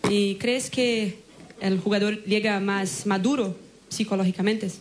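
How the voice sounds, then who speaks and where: A woman's voice: mid-range voice, steady tone, unhurried, slight background noise. A woman with a Brazilian Portuguese accent, a TV journalist asking a press conference question hesitantly in a non-native language.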